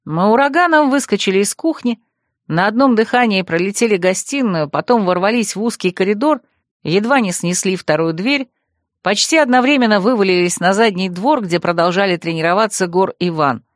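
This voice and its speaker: A woman narrating an audiobook expressively, jumping high and loud for the heroine's outbursts. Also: brisk, no echo, clean studio sound. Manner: lively, squealing high in heroine's lines.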